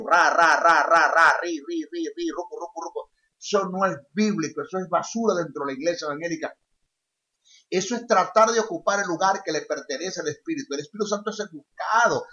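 A man's voice: high voice, a bit bright. A male preacher teaching a sermon emphatically, repeating his key phrases. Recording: dull lo-fi sound.

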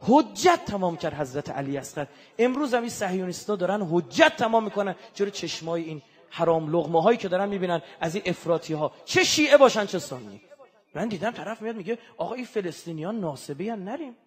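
A man giving an impassioned religious sermon, moving from hushed, mournful passages to loud, fervent outbursts. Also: sits high, animated. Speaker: religious speaker.

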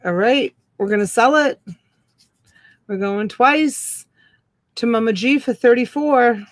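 A middle-aged woman hosting a live online auction from a room at home, counting items and calling bids slowly on a webcam. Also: a little high, dry recording.

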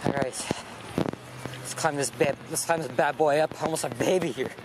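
A man with a somewhat raised voice runs a casual walking vlog and chats half to himself as he goes. He sounds a little short of breath from climbing. He is recorded outdoors on city streets, and traffic noise comes through clearly behind him. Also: fairly high pitch, unhurried. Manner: chatty, talks to himself while walking. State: winded from climbing. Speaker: vlog host.

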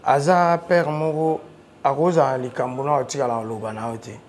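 Speaking at medium pitch and normal speed, a man with a Congolese French accent talks about his music career as a guest on a TV studio sofa, mixing French and Lingala. He's an animated storyteller who rises loud when excited, and the audio carries a little hiss or hum.

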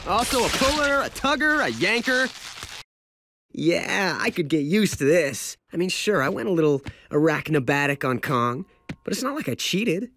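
An actor voicing a wisecracking teenage male superhero in a cartoon, quick joking banter full of sarcastic quips. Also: high-pitched, big pitch swings, a bit bright, slight background noise, heavily acted.

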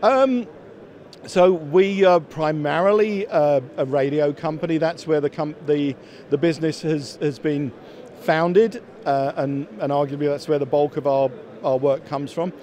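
At a busy exhibition hall, a man in his fifties speaks as a company executive, explaining products into an interviewer's handheld microphone. His voice is on the high side and warm, his pace measured, and he often restarts sentences and repeats words.

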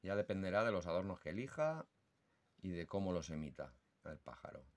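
With a low voice and big swings in pitch, a Spanish-accented man (Spain) gives an explanatory lesson on judging songbird calls. He goes slowly and deliberately, voicing the bird calls aloud.

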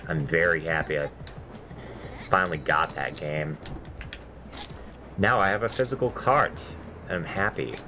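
A man's very deep, nasal voice comes through over music, unhurried and full of long pauses. As a gameplay commentator in a casual let's-play, he rambles between stories, mocks himself, and swears at his mistakes and deaths.

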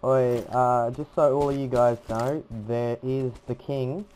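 A man's voice: mid-range voice, flat delivery, unhurried, a little mellow, rough recording. A young man chatting casually in a multiplayer game, with slangy, sweary talk. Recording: headset game chat, clear background noise.

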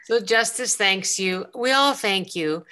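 Slow, bright-voiced woman hosting online Q&A. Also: mid-range voice. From Greece. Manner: slow, hesitant, with many ums. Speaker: planetarium program host. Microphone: video call.

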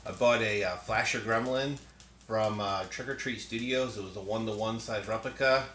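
Blunt man with a lowish voice in an echoey room. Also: moderate pace, fairly bright tone. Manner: casual and blunt, swears freely. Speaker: unboxing channel host. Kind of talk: casual unboxing vlog. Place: cluttered collectibles room indoors. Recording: roomy echo, faint background noise.

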